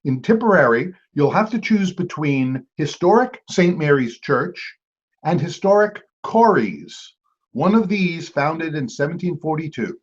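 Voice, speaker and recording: Heard over dull, lo-fi video call audio, a trivia quiz host keeps his online game playful with jokes on the side. He sounds a little high and husky, animated, and a little slow.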